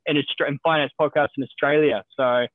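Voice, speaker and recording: A man from New Zealand who works as a stockbroker chats casually in a podcast interview, sounding quick and upbeat and often doubling words as he begins sentences. His voice is a little high with fairly even intonation, and the recording is dry and sounds like a phone line.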